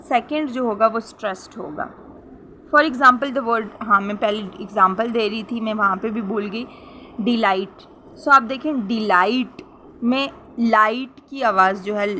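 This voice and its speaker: A woman's voice: fairly high pitch, pushed and bright, slight background noise. A young woman teaching a lesson, explaining patiently, repeating points and checking that listeners understand. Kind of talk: explanatory lesson in Hindi-Urdu with English terms.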